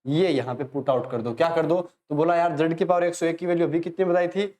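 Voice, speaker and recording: An Indian man teaching maths online, working through problems in a chatty way and urging students to pause and try. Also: a little high, fairly even intonation, darkish tone. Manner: chatty, talks to students as if they ask questions; encouraging, urges students to pause and solve. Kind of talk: online lesson, solving problems.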